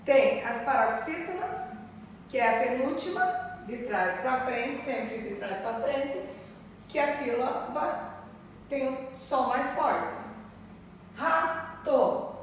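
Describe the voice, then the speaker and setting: A high-voiced woman teaching a recorded lesson at an unhurried pace, patiently repeating words and checking that her pupils follow. She stands away from the microphone in a very echoey room with a long, ringing reverb. A faint noise hums underneath. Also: recorded from a distance. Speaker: primary school teacher. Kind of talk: recorded remote grammar lesson.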